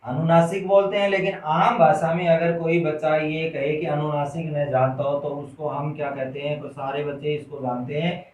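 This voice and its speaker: Male schoolteacher, slightly high voice, slow drilling delivery, echoey far-off recording. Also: flat delivery, a little mellow. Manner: slow, repetitive question-and-answer drilling, addresses children as "beta". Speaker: Hindi teacher. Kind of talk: classroom grammar lesson. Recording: roomy echo, distant mic.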